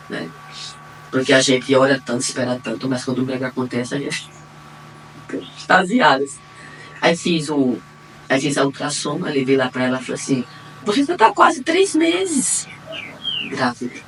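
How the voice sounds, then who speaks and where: A woman with a Brazilian accent giving a personal faith testimony, acting out the dialogue as she retells it and swinging between quiet and excited. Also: low-pitched, a little hiss or hum. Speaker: testimony giver. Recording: distant mic, faint room ambience.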